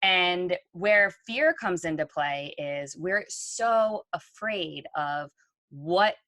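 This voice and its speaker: Talking very slowly yet animatedly, a woman with a fairly low, somewhat bright voice co-hosts a podcast. She reflects earnestly in conversation and says um often, with no echo on the recording.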